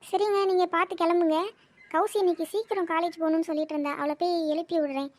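A woman's voice: extremely high pitch, fairly even intonation, fast talker, a little mellow. A woman voicing a fretful, scolding mother of three daughters in a cartoon. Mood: gentle. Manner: scolding, complaining. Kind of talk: animated cartoon voice acting.

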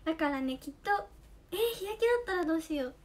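A young woman livestreaming as an idol, chatting casually and thanking viewers by name, her voice slightly hoarse. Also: very high-pitched, lively intonation, fast. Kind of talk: casual livestream chat, reading viewer comments. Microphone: earphone mic.

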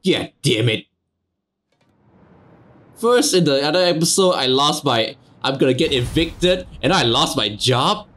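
A man's voice: a little high, lively intonation, unhurried, pauses often, fairly bright tone. A man giving joking, casually swearing game commentary with mock exasperation. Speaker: gameplay video maker and commentator. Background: video game music.

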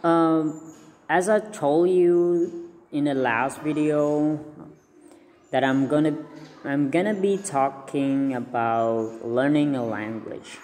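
A young Cambodian man, a Khmer native speaker, gives language tips to camera in a slow, mellow, fairly high voice, earnestly repeating words and restarting often. He films on a phone held at arm's length in a small indoor room, yet it sounds like a large hall with slight background noise.

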